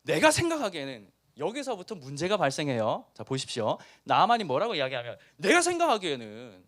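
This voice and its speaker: A middle-aged pastor from Busan, speaking with a Busan dialect and preaching a lively youth sermon that acts out the story's characters. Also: male voice, on the high side, a little fast. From Busan, South Korea. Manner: animated storytelling, acting out characters.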